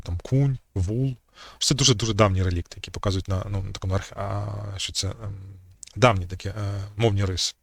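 A man's voice: lowish voice, a bit bright, no echo, studio quality. A man giving an unscripted talk on language history as channel host, hesitating often with fillers and restarts.

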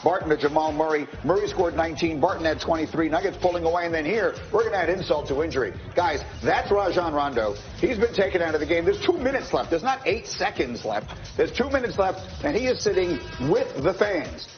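A man hosting a morning sports show, narrating game highlights with energy and leading the panel. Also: brisk, hardly any pauses. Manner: energetic play-by-play over highlights. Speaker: studio host. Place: TV studio. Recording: dull broadcast audio with music.

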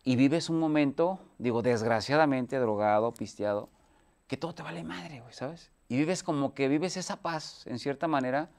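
A Mexican man hosts a casual interview, prompting his guest with easygoing questions. His voice sits at an ordinary middle pitch, and his speech is loose and full of slang. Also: normal speed, creaky, a little mellow. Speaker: host.

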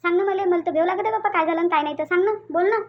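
A coaxing elder sister-in-law. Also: female voice, very high-pitched, racing, dull audio. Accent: Vidarbha Marathi (Varhadi). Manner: coaxing, worried. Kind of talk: cartoon voice acting.

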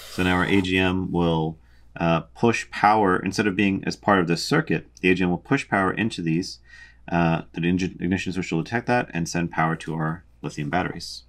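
A young man calmly explains a boat's electrical wiring while drawing a diagram, methodical, with frequent ums. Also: low voice, a little fast. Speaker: sailing vlogger explaining a boat electrical system.

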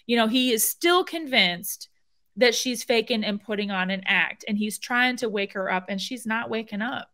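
A woman's voice: fairly high pitch, normal speed, sharp tone. A woman hosting a vlog, commenting on video clips in an emphatic, indignant way. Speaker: vlog host.

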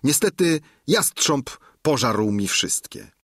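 A man's voice: mid-range voice, sing-song, slow, a bit bright, no room sound, studio quality, voice pushed up, full character voice. A man voicing a boastful village innkeeper full of fussy excuses, in an audiobook reading. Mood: wheedling. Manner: fussy, excuse-making, wheedling.

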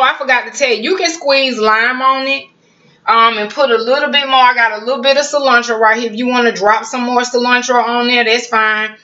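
In an echoey home kitchen, a chatty cooking vlogger with a high, sharp-toned voice talks casually to y'all and hums as she savors her food. The recording is roomy, distant and muffled.

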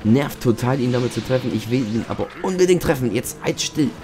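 A young man hosting a let's play, chatting casually and swearing at the game in loud outbursts. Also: medium pitch, lively intonation, a little fast. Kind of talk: casual gameplay commentary. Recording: game music behind the voice.

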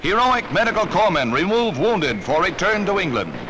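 A man's voice: sits high, very animated, moderate pace, heavy background noise. A man narrating a 1940s newsreel in a rousing, emphatic announcer style, with the sound of an old newsreel. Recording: narration over loud orchestral music.

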